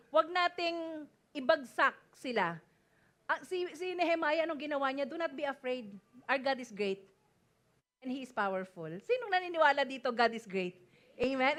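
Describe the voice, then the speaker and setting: A woman's voice: high-pitched, fairly bright tone. A woman pastor with a Filipino accent preaching a sermon in mixed Tagalog and English, emphatic and often calling out to the congregation for an amen. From Philippines. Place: church service before a congregation.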